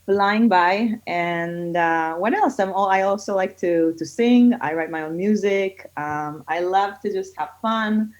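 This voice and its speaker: This is a casual podcast interview with a middle-aged Israeli woman who runs a yoga studio for kids. She chats with lots of fillers, speaking a little slowly and pausing little, in a medium-pitched voice. Her stories make her excited, and the lo-fi recording sounds dull.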